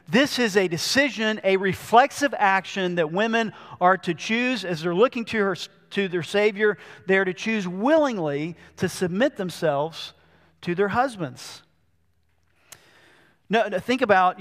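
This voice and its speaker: A male pastor preaching a sermon, slowing down to read scripture and leaning hard on key words. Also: sits high, fairly bright tone. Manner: reads scripture slowly, stresses key words. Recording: long church reverb.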